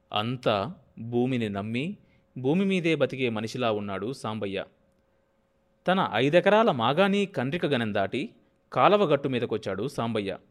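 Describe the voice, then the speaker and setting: A man narrating a novel as an audiobook, in a steady, measured storytelling manner. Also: medium pitch.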